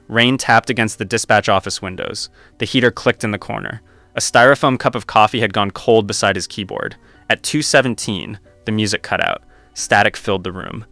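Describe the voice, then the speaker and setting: A man narrating a scripted horror story in a slow, grave, measured way. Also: fairly low pitch, bright, forceful tone, no echo.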